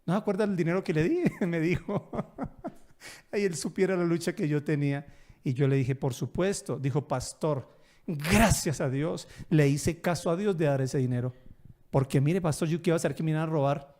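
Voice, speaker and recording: A man's voice: on the high side, moderate pace, darkish tone. A man pastor preaching a sermon, telling stories with acted dialogue and emphatic bursts.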